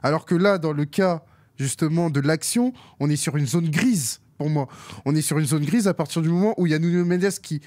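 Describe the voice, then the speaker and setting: A man arguing his view on a studio panel. He sounds earnest and a little raised in pitch, with a dry, close sound and hesitant fillers between points. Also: brisk, a little mellow, dry recording. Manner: earnest, repeats "pour moi", hesitant fillers. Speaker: football pundit. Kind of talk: studio debate. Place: television studio.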